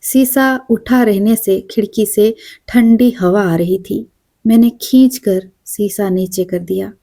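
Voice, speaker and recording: A woman narrating a short story as an audiobook, measured and quiet. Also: mid-range voice.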